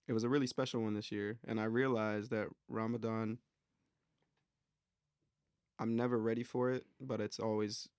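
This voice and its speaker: A man's voice: lowish voice, darkish tone, no echo, clean studio sound. A young man hosting a casual interview, easygoing and reflective, laughing often as he asks questions. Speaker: interviewer, host.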